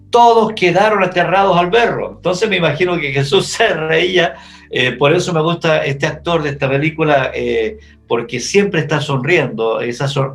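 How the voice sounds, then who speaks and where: Pastor guy teaching bible class, slightly high gravelly voice, faint music behind. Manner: animated storytelling, vividly imagining scenes.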